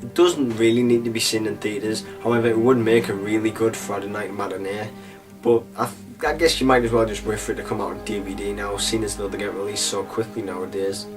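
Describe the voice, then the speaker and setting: A man's voice: fairly low pitch, steady tone, fairly quick, far from the mic, music in the background. A young man giving a casual, chatty film review, loose and full of filler phrases. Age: young adult. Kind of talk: casual spoken movie review.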